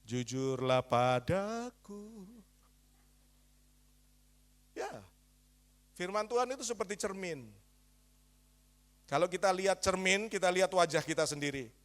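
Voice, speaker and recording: A male pastor with a high voice preaches to his congregation. He keeps asking them questions, coaxing and teasing as he goes. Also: moderate pace, pauses often, fairly bright tone. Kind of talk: sermon.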